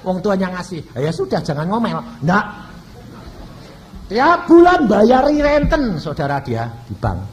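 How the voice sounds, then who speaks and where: Pastor guy, slow and high, voice leaps up and down, faint hiss behind. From Indonesia. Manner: preaching with dramatic swings in pitch and volume. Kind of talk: sermon.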